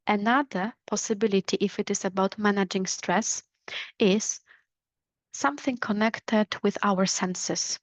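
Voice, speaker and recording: A non-native English-speaking woman presenting a webinar over a video call, explaining things in a deliberate, instructive way. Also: medium pitch, dry recording. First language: not English. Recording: dull lo-fi call audio.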